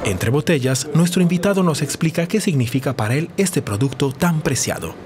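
A man's voice: fairly high pitch, animated, fairly quick, over music. A man reading scripted voice-over narration for a TV report.

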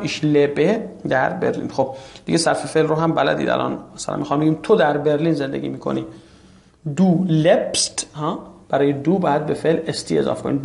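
A man from Iran teaches German in a lesson style. His voice sits fairly high and has a gravelly edge. He says each phrase slowly and then goes on to explain it.

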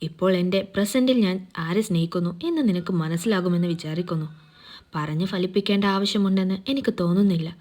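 A woman voicing a stern young husband who speaks in a grave, measured, cool way in a read-aloud story. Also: fairly low pitch, a little mellow, lightly acted.

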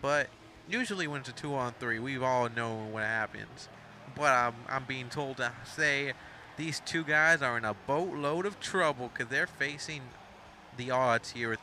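A young Mexican man does casual play-by-play for a wrestling video game storyline as a fan commentator, rambling and chatty, stopping to correct himself and throw in asides. His mid-range voice is very bright and sharp over a faint hiss.

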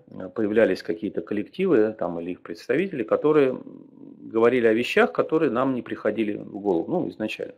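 A man's voice: medium pitch, darkish tone. An older man giving an academic lecture, loose and digressive, often checking in with his listeners. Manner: digressive, frequent filler particles and tag questions.

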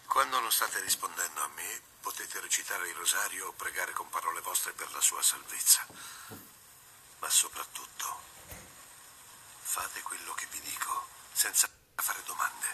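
An actor playing a grave, commanding exorcist priest in a horror film, speaking in a solemn liturgical manner. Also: male voice, deep voice, bright, forceful tone, heavily acted. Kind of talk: dubbed horror film acting. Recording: noisy film soundtrack.

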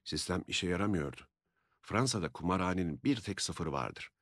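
A man with a very low, deep voice reads an audiobook in steady, matter-of-fact narration. The recording is dry and close, with no room sound. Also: moderate pace, no room sound. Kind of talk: scripted narration.

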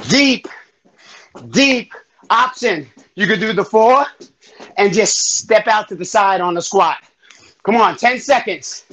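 A man's voice: high-pitched, takes it slowly, long pauses. A man leading a live home workout as fitness instructor, counting down reps, calling out moves and urging people on while breathing hard. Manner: energetic, calls out counts and encouragement.

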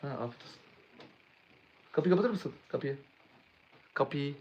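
A man's voice: medium pitch, expressive, moderate pace, darkish tone, lo-fi sound. A young man chatting casually on a live stream, rambling, restarting words and answering viewers' chat.

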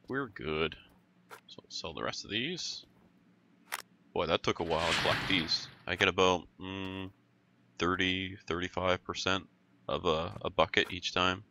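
In casual let's-play commentary, a Canadian gaming host narrates his session, thinking out loud and correcting himself while sounding stuffed up and growly. His voice is low, and there's noise in the background.

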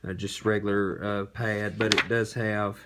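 A man hosting a casual unboxing, talking in a relaxed, rambling way with many fillers, recorded indoors on a camera mic. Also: on the low side, measured pace, very noisy. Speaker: host. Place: indoor room.

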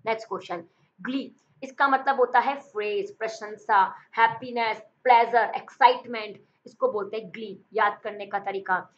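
A woman with an Indian accent teaching English vocabulary for competitive exams, reading English definitions slowly and explaining memory tricks in brisk Hindi. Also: a little high, lo-fi sound. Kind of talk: exam-prep vocabulary lesson with memory tricks.

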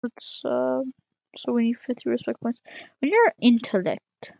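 A woman giving excitable live gameplay commentary, reading game prompts aloud and calling out to other players. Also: fairly high pitch, a little slow, vocal fry, no echo, low-quality recording. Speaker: gaming channel host.

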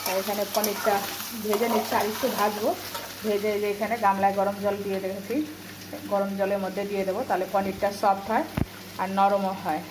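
A woman's voice: mid-range voice, little pitch movement, a little fast, noisy background. A middle-aged housewife chatting through her home cooking step by step in a casual vlog, recorded in her kitchen. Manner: chatty, explains each step. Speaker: housewife vlogger.

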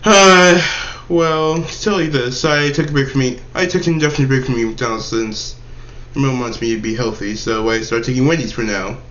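A reaction video host giving live commentary, excitable with bursts of laughter and shouted reactions. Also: medium pitch, brisk, roomy sound, dull audio, slight background noise. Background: loud cartoon soundtrack.

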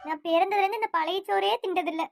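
A woman's voice: very high-pitched, fast talker, creaky, a little hiss or hum. A woman voicing a self-pitying old grandmother in a cartoon who wails and laments melodramatically. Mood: wailing. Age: over 60. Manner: melodramatic wailing complaints. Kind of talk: cartoon voice acting.

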